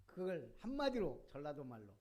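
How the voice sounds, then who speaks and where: A man preaching a sermon as pastor of a church, lively, with rhetorical questions and sudden bursts of emphasis. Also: fairly high pitch, moderate pace.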